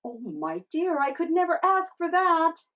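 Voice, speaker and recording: A woman voicing a meek, kindly fisherman, a reluctant husband in a storybook tale, speaking in a gentle, hesitant, pleading way. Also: very high voice, big pitch swings, a little slow, heavily acted. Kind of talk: storybook character acting.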